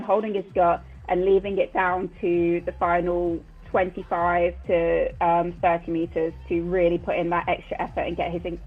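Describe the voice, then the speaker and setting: A woman's voice: lowish voice, narrow, tinny audio. A woman giving live sports commentary as color commentator, enthusiastic and full of fillers and restarts.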